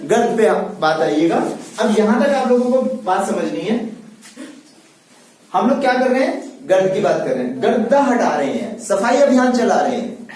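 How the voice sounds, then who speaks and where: A man's voice: high-pitched, very animated, normal speed, a little mellow. A man teaching accountancy in a classroom lecture, often checking that students follow. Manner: patient, repeats questions to check understanding. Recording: echoey classroom from far off.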